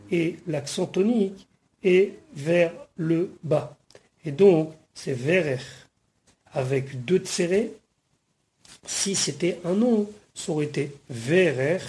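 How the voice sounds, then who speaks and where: A rabbi leads a verse-by-verse study lesson in a mellow, warm voice. He reads short Hebrew phrases and then patiently unpacks each one, explaining the grammar along the way. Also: on the high side. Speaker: rabbi teaching the weekly Torah portion.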